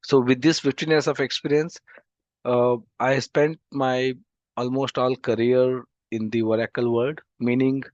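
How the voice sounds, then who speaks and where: Over a video call, a man with an Indian English accent teaches an online demo class on databases, speaking slowly and haltingly with many "uh" fillers because a throat infection has left his voice unclear. His medium-pitched voice is level and a little mellow. The computer mic gives dull, dry audio with no room sound.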